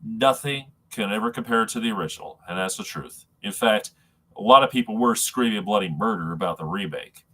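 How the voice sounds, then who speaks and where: A man with a congested, nasal sound, as if his nose were packed, talking casually and haltingly to viewers on a live stream. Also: lowish voice, pushed and bright, low-quality recording. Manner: halting, rambling, addressing viewers as folks.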